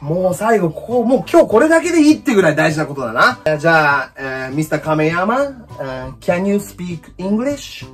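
Rough-talking japanese guy doing a bossy teacher bit, voice jumps all over. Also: on the high side, big pitch swings, fast, few pauses, soft background music. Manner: brash, rough-spoken, bossy teacher act. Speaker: comedic English teacher. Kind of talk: comedic lecture to camera.

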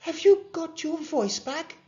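A woman voicing a caring mother who gently coaxes her son, read out in a dull lo-fi recording. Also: very high-pitched, expressive, measured pace, pitched above the performer's own voice.

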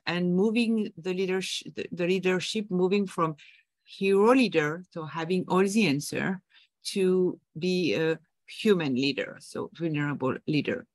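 A woman from France with a French accent, a leadership coach answering interview questions thoughtfully with frequent pauses. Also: fairly low pitch, dry recording. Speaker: guest, executive leadership coach. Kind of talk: podcast interview.

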